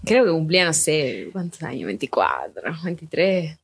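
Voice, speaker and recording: A woman in her twenties with a Rioplatense Spanish accent, co-hosting a podcast and telling stories in casual chat, acting out quotes loudly. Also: low voice, moderate pace, vocal fry, husky. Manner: animated storyteller, acts out quotes loudly. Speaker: podcast co-host.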